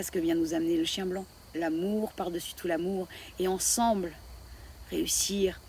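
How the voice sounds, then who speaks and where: A woman teaching Mayan astrology, talking in a reflective way and often pausing to search for words. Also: mid-range voice, slight background noise. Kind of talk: spoken spiritual teaching.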